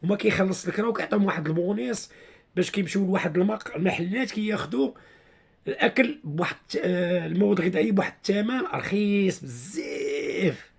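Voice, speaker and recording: A man's voice: high-pitched, animated, gravelly, slightly rough. A man with a Moroccan accent giving informal explanatory commentary to his followers, repeating himself and searching for words. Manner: repetitive, halting, searching for words. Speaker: online video commentator.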